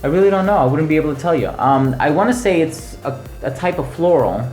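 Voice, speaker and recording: A man's voice: a little high, expressive, quick pace, a little mellow. A man hosting a casual product review, explaining things in an informal, laid-back way. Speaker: fragrance reviewer and channel host. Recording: roomy echo with music underneath.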